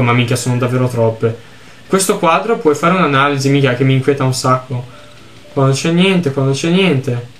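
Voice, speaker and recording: A young man from Italy doing let's play commentary, excitable and quick to swear as he reads game text aloud. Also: medium pitch. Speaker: gaming YouTuber.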